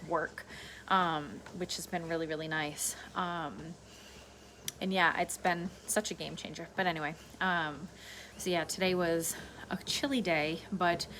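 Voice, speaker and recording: In a casual solo vlog, a woman with a low voice rambles informally, wandering from point to point and repeating herself. Background noise runs steadily through the otherwise clear recording.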